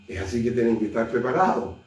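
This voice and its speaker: A man, a pastor with a Chilean Spanish accent, preaching a sermon and acting out scripture scenes, swinging between loud and hushed delivery. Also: mid-range voice, lively intonation, quick pace. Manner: retells scripture with acted dialogue, shifts between loud and hushed. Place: church sanctuary. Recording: echoey church from far off, faint noise.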